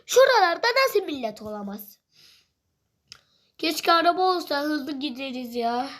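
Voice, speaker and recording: A woman giving casual commentary while playing a game, impatient and grumbling, repeating herself and shouting excitedly when a fight starts. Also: sits high, measured pace. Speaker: gamer.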